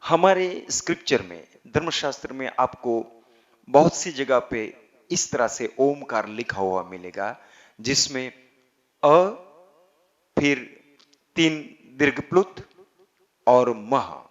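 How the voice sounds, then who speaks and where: A man teaching how to chant, speaking deliberately and drawing out chanted syllables. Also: medium pitch, lively intonation. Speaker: yoga teacher. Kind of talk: spiritual instruction on chanting. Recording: slightly dull, lo-fi recording.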